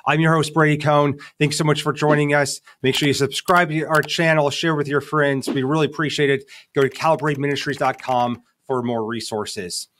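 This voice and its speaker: A man hosting a podcast in a casual monologue, getting over a cold, with a weak, whiny, nasal voice and a habit of talking loudly. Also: a little high, steady tone, normal speed, few pauses, a little hiss or hum. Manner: talks loudly. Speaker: podcast host.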